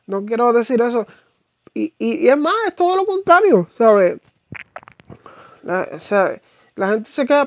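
A Puerto Rican vlogger delivers a casual, opinionated monologue to viewers in Puerto Rican Spanish, speaking informally and haltingly, peppered with slang and English fillers. Her mid-range voice is recorded close and dry, with no echo and a muffled, lo-fi quality.

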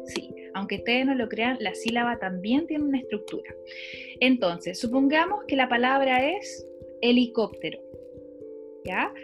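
A woman's voice: fairly high pitch, animated, unhurried, music in the background. A woman teaching a lesson, explaining step by step and quizzing a student with questions. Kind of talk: lecture on phonology.

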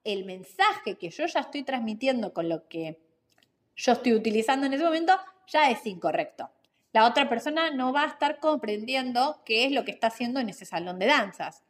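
Hosting a how-to podcast, this expressive, fairly high-voiced woman walks listeners through communication skills. She sounds clear and unhurried, like a teacher, and often asks rhetorical questions.

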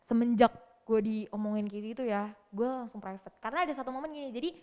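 A woman's voice: on the high side, fast, highs cut off. Young woman telling a story, echoey. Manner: lively slangy storytelling, acting out quotes. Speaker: interview guest. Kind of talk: casual storytelling chat.

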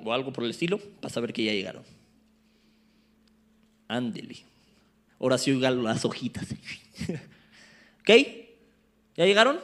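A man preaching a sermon and teaching a Bible study, with playful asides to the congregation. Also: on the high side.

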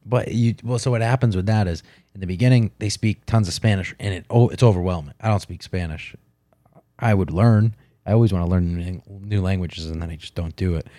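A very low-voiced man with a dark, mellow tone chats casually as a podcast co-host. He rambles and corrects himself in a playful way. The sound is close and dry. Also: fairly quick, dry recording. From United States. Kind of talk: casual chat.

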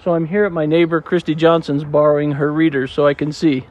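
A man's voice: fairly high pitch, level tone, fast talker, darkish tone, slight background noise. A man giving chatty, joking answers in a casual interview at a campground. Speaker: interview guest. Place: campground outdoors.

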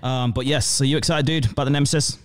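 A man's voice: medium pitch, fairly even intonation, fast talker, dry recording. A British man hosting a show in casual, matey, slangy chat. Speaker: show host.

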